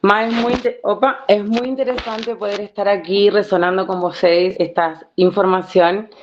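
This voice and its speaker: A woman's voice: medium pitch, steady tone, normal speed, noisy background. Woman, Brazilian accent, Portuguese-Spanish mix, earnest personal sharing, muffled lo-fi call sound. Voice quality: Spanish mixed with Portuguese words. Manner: reflective, earnest, searching for words.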